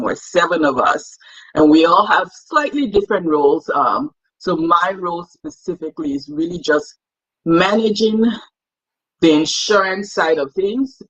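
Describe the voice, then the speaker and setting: A woman's voice: low voice, a bit bright, breathy edge, muffled recording. A young woman from Cameroon, a guest in a casual interview, talking in a chatty, self-deprecating way and laughing easily. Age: young adult.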